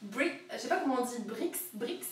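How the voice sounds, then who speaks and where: Cooking live in her home kitchen, a high-voiced young woman streamer chats a little fast with lively intonation, giggly and full of rambling asides. Faint music plays behind her, and the mic on a camera atop a wobbly tripod across the kitchen leaves her distant and heavily echoed.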